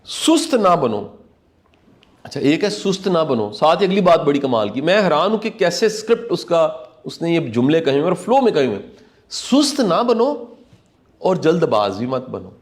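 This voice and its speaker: A man's voice: a little high, very animated, few pauses. A man giving earnest, preachy commentary on a talk show.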